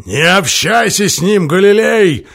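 A man voicing a huge, superstitious male ship's shaman who roars slow, drawn-out threats. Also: vocal fry. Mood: suspicious menace. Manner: booming, roaring, drawn-out threats.

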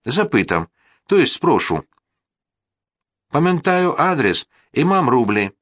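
Male reader doing a headstrong young girl, broken Russian, raised pitch, dry. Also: big pitch swings, slow pace, fairly bright tone, no echo, full character voice. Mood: defiant. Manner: mixes Polish words into broken Russian. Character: spirited young foreign girl, stubborn.

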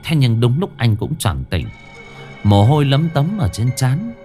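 A man's voice: medium pitch, sing-song, measured pace, dark tone. Man narrating a ghost story expressively. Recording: faint music behind.

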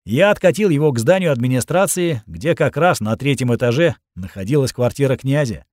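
A man's voice: mid-range voice, animated, a little fast, a little mellow, no echo, clean studio sound. A man narrating a first-person audiobook in a tense, dramatic reading.

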